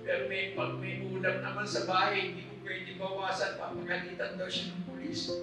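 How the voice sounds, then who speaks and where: A middle-aged man gives an earnest, emotional religious testimony, addressing the congregation politely. His high voice is delivered completely flat at a moderate pace. He is recorded from far off in an echoey hall with soft instrumental music behind him.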